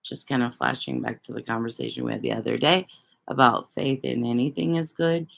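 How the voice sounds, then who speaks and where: Low gravelly woman chatting on stream. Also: steady tone, fairly quick. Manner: loose, rambling, swears freely. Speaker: livestream host reading viewer chat. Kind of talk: casual livestream chat to viewers.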